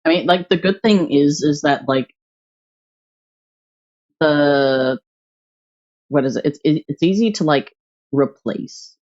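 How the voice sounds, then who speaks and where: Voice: medium pitch, takes it slowly, long pauses, darkish tone. Rambling young streamer, dull home audio. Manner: rambling, filler-heavy, thinks aloud. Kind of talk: casual chat while drawing.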